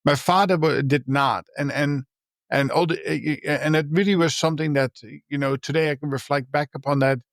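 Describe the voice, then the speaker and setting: A man's voice: on the high side, steady tone, no echo. Earnest man, dry sound. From Netherlands. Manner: earnest and halting, with frequent restarts. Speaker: podcast guest, leadership coach and mentor. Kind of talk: reflective personal storytelling in a podcast interview.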